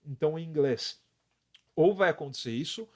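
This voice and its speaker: A man's voice: a little high, expressive, moderate pace, a little mellow. A Brazilian man teaching English on a live stream, explaining step by step, counting out letters and often adding a tag question. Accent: Brazilian Portuguese.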